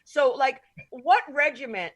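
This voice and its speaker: Female podcast host, high, dry-voiced, teasing and frank. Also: animated, measured pace, dry recording. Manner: teasing, blunt, swears casually. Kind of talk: casual chat over a video call. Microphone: video call.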